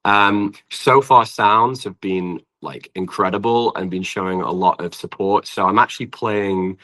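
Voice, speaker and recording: On a casual podcast, a young British musician guest gushes informally in a fairly low, fairly bright voice at an unhurried pace. He hesitates a lot and keeps filling gaps with "like."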